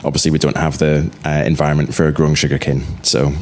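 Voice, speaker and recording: A man with a north-east Scottish accent and an extremely deep voice. He talks casually and conversationally, like a guest explaining things on a podcast. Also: little pitch movement, quick pace. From Aberdeenshire, Scotland. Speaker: distillery representative, podcast guest.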